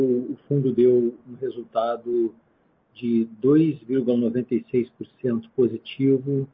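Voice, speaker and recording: A Brazilian man presenting financial results as an executive, semi-spontaneous, halting and measured as he goes through figures. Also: medium pitch, breathy edge. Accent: Brazilian Portuguese. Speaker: chief investment officer presenting results. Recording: narrow, tinny phone line.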